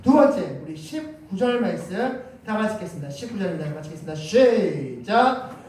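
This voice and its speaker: A man's voice: sits high, animated, quick pace, warm tone, a little hiss or hum. A man preaching a Sunday sermon as pastor, emphatic, his voice rising when he voices scripture. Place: church sanctuary. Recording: very echoey church hall, mic at a distance.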